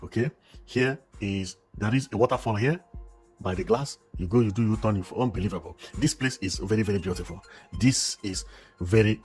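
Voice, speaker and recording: A man narrating a building tour, exclaiming and repeating himself with enthusiasm. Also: on the low side. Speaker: vlogger.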